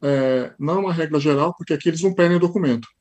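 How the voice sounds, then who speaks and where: A man from Brazil with a São Paulo Portuguese accent, a podcast guest telling stories in a lively casual way with frequent tag questions. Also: on the high side, racing. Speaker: podcast guest, high school teacher. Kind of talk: casual interview storytelling.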